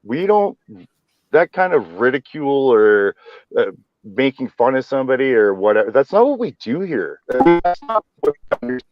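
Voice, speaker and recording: A man's voice: medium pitch, very animated, moderate pace, dry recording, highs cut off, faint music behind. Man on glitchy robotic call audio. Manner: blunt, profane, scolding. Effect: glitchy, robotic, cutting-out call audio. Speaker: livestream panelist. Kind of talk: heated online panel talk.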